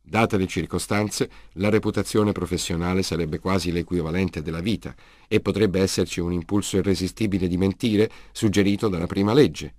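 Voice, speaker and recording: A man voicing a polite, logical humanoid male robot in an audiobook, speaking in a measured, reasoning way. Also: low voice, steady tone, darkish tone, no room sound, clean studio sound. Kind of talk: audiobook character reading.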